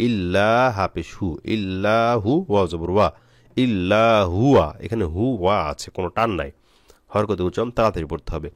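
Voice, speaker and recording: Slow-drawling low-voiced man teaching recitation. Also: a little mellow, no echo, clean studio sound. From Bangladesh. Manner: spells out letters and vowel marks, then drawls the recited words slowly. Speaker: Quran reading teacher. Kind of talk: step-by-step recitation lesson.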